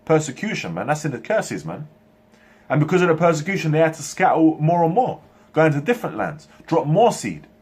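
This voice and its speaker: A man from Turkey, raised in England, preaching a monologue in halting bursts and tagging nearly every phrase with "man" or "okay". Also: on the high side, very animated, darkish tone, breathy edge. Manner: halting, frequent restarts. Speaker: religious speaker.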